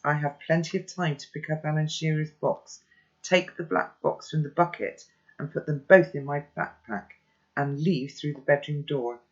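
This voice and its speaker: A reader narrating a children's novel aloud in steady first-person storytelling. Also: mid-range voice, normal speed, dull audio.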